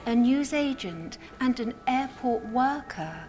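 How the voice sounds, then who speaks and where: A woman's voice: high voice, lively intonation, slow. A woman delivering a psychic's prediction monologue on television. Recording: TV segment under loud music. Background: loud music.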